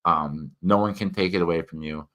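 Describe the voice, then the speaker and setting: A man with a very deep voice talks casually, as a host sharing opinions and updates. His words come slightly thick from a swollen mouth. He rambles haltingly, doubling back on words and correcting himself as he goes. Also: fairly even intonation, fairly bright tone. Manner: halting, with repeated words and many self-corrections. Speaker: host, reviewer and writer. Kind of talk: casual, rambling spoken review and personal update.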